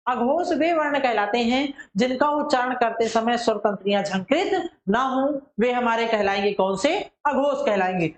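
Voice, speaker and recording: A woman teacher giving a methodical lesson. She asks questions and answers them herself, and she draws syllables out slowly to demonstrate them. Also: a little high, expressive, echoey room, poor audio. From India. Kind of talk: classroom-style lesson.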